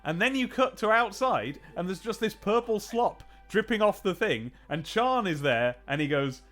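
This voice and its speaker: Soft music plays under a man's high-sitting, animated voice, which has a fairly bright tone and a moderate pace. He's casually chatting on a late-day video game stream, drowsy but still talkative. Between laughs he relates anecdotes from old television, doing voices for the quotes.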